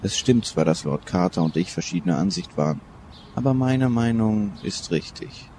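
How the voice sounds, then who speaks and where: A deep-voiced stern old professor. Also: male voice, expressive, normal speed, a little mellow, slight background noise. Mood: lecturing. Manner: authoritative, lecturing. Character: stern older male Egyptologist professor. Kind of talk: radio play acting.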